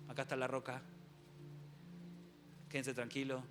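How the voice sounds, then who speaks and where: A man playing the apostle Peter as a bossy, reassuring grown man, talking in a hushed, coaxing way. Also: monotone, measured pace, music in the background, lightly acted. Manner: hushed, coaxing, lower than his preaching voice.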